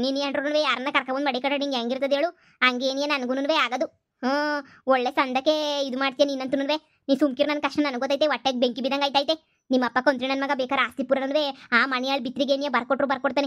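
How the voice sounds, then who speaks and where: A woman voicing a scheming, bossy village mother-in-law in a cartoon comedy, scolding and wailing loudly. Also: high voice, dry recording, clean studio sound, close to an everyday voice. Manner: bossy, scolding, wails theatrically.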